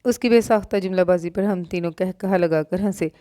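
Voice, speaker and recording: Here is a woman with a low, mellow voice narrating a romance novel in the first person. She reads at a steady, even pace, and the recording is close and dry with no room sound. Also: a little fast, no room sound. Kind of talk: audiobook reading of a romance novel.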